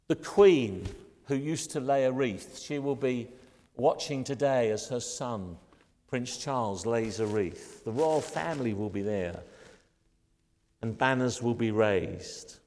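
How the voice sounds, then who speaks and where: A man's voice: medium pitch, lively intonation, darkish tone. Older british guy preaching, emphatic, drags out the big words, long echo tail. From Britain. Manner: emphatic preaching cadence, slowing to stress key phrases. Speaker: pastor. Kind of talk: sermon.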